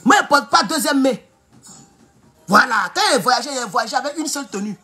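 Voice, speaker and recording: A man with an Ivorian French accent, speaking loudly and mockingly in a rambling live stream from his home, talking straight into his phone with no external mic. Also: very high-pitched, lively intonation, fairly quick, faint music behind. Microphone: phone without external mic.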